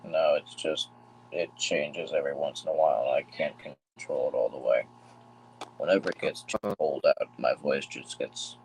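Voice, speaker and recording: A man with a very deep, gravelly voice, chatting casually and thinking aloud while he works on models during a livestream. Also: steady tone, normal speed, darkish tone, a little hiss or hum, rough recording. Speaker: livestream host building model trains. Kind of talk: casual chat while working.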